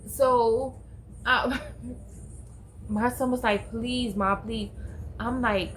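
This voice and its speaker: A middle-aged woman telling a personal story in a vlog, halting and searching for words with many restarts. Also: on the high side, fairly even intonation, a little hiss or hum, rough recording. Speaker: vlogger.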